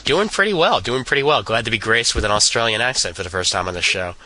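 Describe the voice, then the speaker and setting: A man's voice: on the low side, lively intonation, fast, pushed and bright, a little hiss or hum, rough recording. A man in his twenties with a Brooklyn accent, casually hosting a podcast. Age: 20s. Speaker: podcast host.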